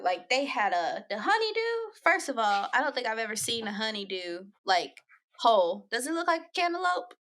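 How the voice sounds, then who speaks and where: A young woman co-hosting a casual podcast with her dad, telling stories in an animated way and laughing often. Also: mid-range voice. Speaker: podcast co-host. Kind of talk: casual chat.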